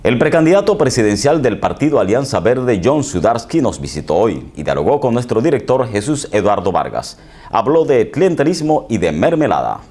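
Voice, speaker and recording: A man's voice: medium pitch, sing-song, moderate pace, a little mellow. A man reading a news item in a scripted news delivery. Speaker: news anchor.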